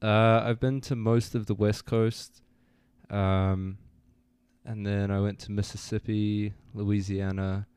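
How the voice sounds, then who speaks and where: A young man born in New Zealand, a student guest telling his story in a relaxed, easygoing way on an interview podcast. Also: lowish voice, slow, clean tone, dry recording. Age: young adult. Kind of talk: casual interview.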